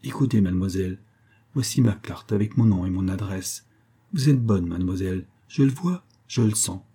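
Male narrator as a dignified grieving lady, firm, earnest, husky voice. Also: sits low, normal speed, warm tone. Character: dignified grieving middle-aged woman, firm.

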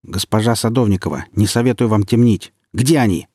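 A man's voice: fairly low pitch, a little fast, darkish tone, no room sound, studio quality, natural voice. A man voicing a menacing middle-aged villain in an audiobook, curt and barking.

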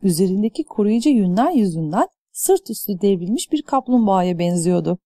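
A woman reading an audiobook in scripted narration, with a measured, even delivery. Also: medium pitch, no room sound, clean studio sound.

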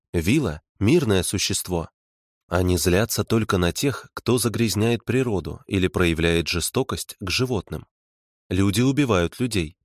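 A man voicing a calm, cutting woman investigator. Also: lowish voice, no room sound, studio quality, natural voice. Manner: calm, pointed, soft.

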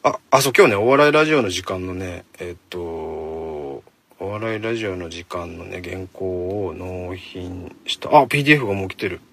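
Fast-talking man with a husky low voice. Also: expressive, fairly bright tone. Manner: fast-talking, chatty, mock-scolding listeners. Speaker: radio show host. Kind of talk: casual solo talk show streamed from a phone. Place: inside a parked car. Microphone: phone held in hand.

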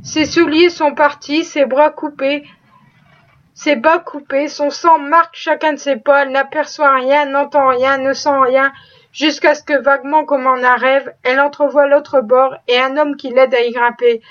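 Woman reading a novel aloud, high voice, kinda muffled lo-fi sound. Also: flat delivery, unhurried. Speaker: reader. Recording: dull lo-fi recording.

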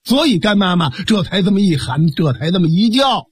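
Lively husky male storyteller. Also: high voice, a little fast, dry recording, studio quality. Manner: lively, dramatic storyteller's delivery. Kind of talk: traditional oral storytelling narration.

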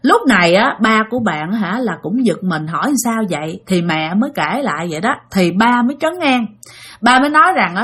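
Husky Southern Vietnamese woman telling ghost stories. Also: a little high, fairly bright tone. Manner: chatty, addresses listeners directly. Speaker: storyteller. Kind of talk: casual spoken ghost story.

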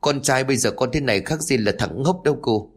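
A man's voice: mid-range voice, brisk, slightly rough, pitched above the performer's own voice, natural voice. A man voicing a frightened village mother who pleads tearfully for help with her son. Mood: pleading.

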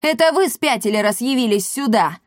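A woman voicing a hot-tempered male cat pilot who shouts threats. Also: a little high, lively intonation, a little fast, no room sound, clean studio sound, voice pushed up, lightly acted. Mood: furious.

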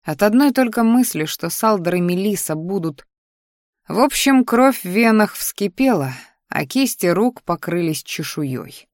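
A woman reading a novel aloud as an audiobook narrator, in steady first-person narration. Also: medium pitch, a little slow, no room sound, clean studio sound.

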